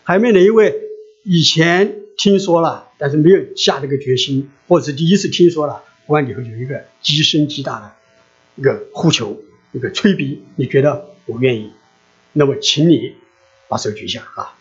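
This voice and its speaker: A man's voice: on the high side, moderate pace. A middle-aged man preaching a sermon, earnestly repeating his appeal to the listeners and then leading a prayer. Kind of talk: sermon with altar call and prayer. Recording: dull lo-fi recording.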